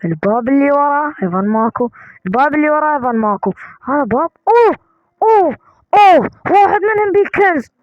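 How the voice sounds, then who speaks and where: A man with an Iraqi accent giving excitable let's-play commentary, repeating phrases and talking to his viewers. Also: very high-pitched, no room sound, muffled recording. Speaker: gaming channel host.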